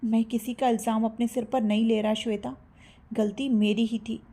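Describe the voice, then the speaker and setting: A playful young male college student who turns sheepish and stammering when caught out, voiced by a woman narrating an audio story. The voice sits fairly high with a dark, husky tone. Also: fairly even intonation, normal speed. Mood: earnest.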